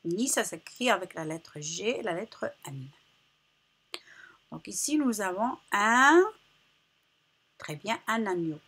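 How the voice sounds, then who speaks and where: A woman teaching young children a phonics lesson, sounding out syllables slowly and repeating each one with care. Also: mid-range voice, lively intonation, fairly bright tone, slightly rough. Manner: slow, carefully articulated, repeats sounds for children. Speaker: primary school teacher.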